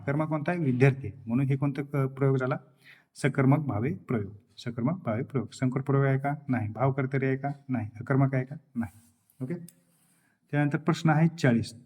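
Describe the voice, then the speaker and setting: A man teaching a grammar lesson for exam preparation. He asks questions, answers them himself, repeats the key terms and now and then clears his throat. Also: mid-range voice, a little mellow.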